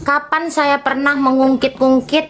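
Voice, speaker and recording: A woman calls in and presses her questions firmly. She repeats her accusations in a high voice and does not back down. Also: little pitch movement, unhurried, a bit bright. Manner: firm, accusing, insistent. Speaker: caller. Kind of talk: phone-in confrontation.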